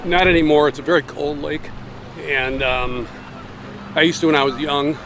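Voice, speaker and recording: A man chatting casually outdoors by a lake, reflective, with "um" pauses. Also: on the high side, fairly even intonation, background noise. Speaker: interviewee. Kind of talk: casual chat.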